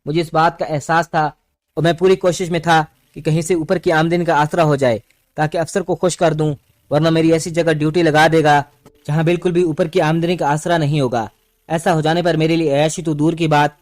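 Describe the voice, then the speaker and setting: A man narrating a first-person story with steady, dramatic storytelling. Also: fairly high pitch.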